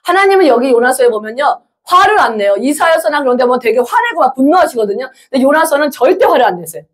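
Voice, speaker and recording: A woman evangelist preaches an animated sermon in a church, firing rhetorical questions at the congregation. Her voice sits high, with a breathy, husky grain. She acts out quotes as she goes. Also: fast.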